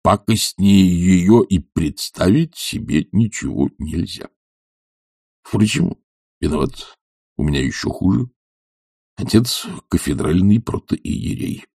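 A man voicing an older professor who grumbles and mumbles with weary, short-tempered gruffness. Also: sits low, expressive, slow, a little mellow, no echo, studio quality, full character voice. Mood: gruff.

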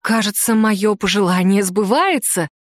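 A woman reading the lines of a gentle, anxious mother who speaks softly and earnestly. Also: medium pitch, big pitch swings, moderate pace, no echo, clean studio sound, close to an everyday voice.

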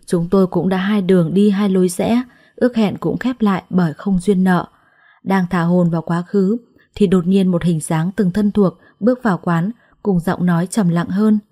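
A woman storyteller narrating a first-person story in a calm, reflective, melancholy way. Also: lowish voice.

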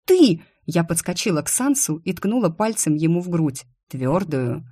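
A woman narrating a first-person science fiction novel in an expressive, lively way. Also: fairly low pitch, moderate pace. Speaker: audiobook narrator.

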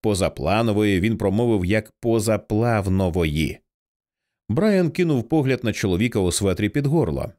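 A man reads a thriller audiobook aloud in a fairly low voice with wide, lively swings of pitch. His storytelling is measured and expressive, shaping each sentence. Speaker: audiobook narrator. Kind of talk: scripted narration.

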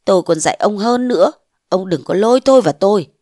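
A woman voicing a bold, scheming young wife of a mandarin, defiant and sharp-tongued, in a storybook reading. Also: mid-range voice, animated, fast talker, dry recording, close to an everyday voice. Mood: scornful.

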